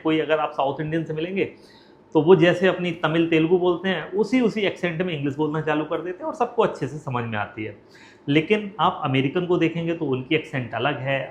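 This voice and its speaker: Man, slightly raised pitch, plain explainer answering student questions; roomy, muffled recording with faint hiss. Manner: direct, reassuring, poses questions then answers them. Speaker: education consultant. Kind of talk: explanatory talk to camera.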